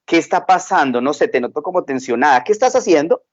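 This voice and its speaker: A man doing a gentle, coaxing dad. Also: fairly high pitch, lively intonation, quick pace, no echo, highs cut off. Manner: soft, coaxing. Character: gentle, patient father of a young girl.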